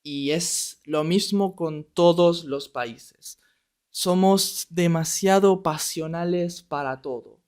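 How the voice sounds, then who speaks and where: A man's voice: fairly high pitch, a little mellow, smooth. A young man from Argentina teaching Spanish in a podcast, speaking in a neutral accent and checking in with listeners as he goes. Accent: neutral Latin American Spanish. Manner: speaks slowly and deliberately, checks in with "¿ok?". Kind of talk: podcast lesson, slow clear speech for learners.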